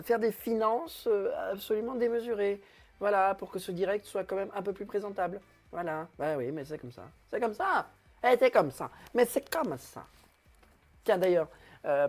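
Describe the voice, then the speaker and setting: A man's voice: fairly high pitch, a little mellow. A man hosting his own web TV show, rambling and self-mocking with many hesitations. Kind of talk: comic solo live stream.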